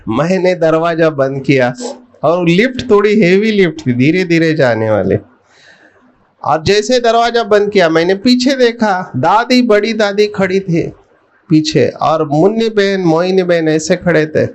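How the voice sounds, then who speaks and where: A man's voice: sits high, expressive, highs cut off. A middle-aged man giving a spiritual talk, telling a personal story and putting questions to his listeners. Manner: slow, storytelling, addresses the audience with questions. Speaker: spiritual speaker.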